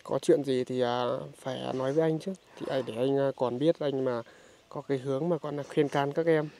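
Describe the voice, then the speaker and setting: Male vlogger, mid-pitched, hesitant filler-heavy delivery, outdoor village interview, faint background noise. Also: fairly even intonation, mellow. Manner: halting, full of filler sounds. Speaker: vlogger visiting a poor family. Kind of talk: casual on-location interview.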